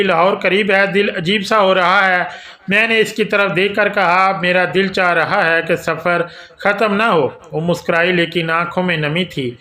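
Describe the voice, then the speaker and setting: A man telling a romantic audio novel in the first person, in steady, scripted storytelling. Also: sits high. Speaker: narrator.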